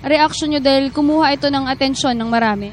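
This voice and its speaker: A woman with a Filipino accent co-hosts a morning television show. Her voice is high and she talks fast, putting polite, brisk questions to her guest. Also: steady tone, slight background noise. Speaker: TV host. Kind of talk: morning TV interview.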